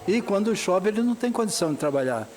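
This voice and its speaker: A man with a slightly raised pitch, hosting an interview outdoors. He presses his guest with follow-up questions and states his own views firmly. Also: sing-song, fast talker. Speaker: interviewer, podcast host. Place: outdoor square with a street fair.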